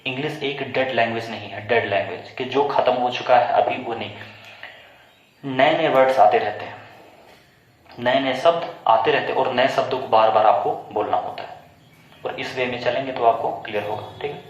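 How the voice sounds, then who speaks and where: A man's voice: medium pitch, normal speed. A male teacher giving a classroom pronunciation lesson, quizzing his pupils and spelling words out letter by letter before repeating them. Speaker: English teacher. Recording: echoey room, muffled sound.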